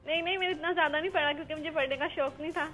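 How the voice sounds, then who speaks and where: A young woman calling into a show by phone, soft-spoken and a little shy. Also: high-pitched, fairly even intonation, faint music behind. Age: young adult. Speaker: caller. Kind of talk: phone call. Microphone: phone line. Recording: dull lo-fi phone line.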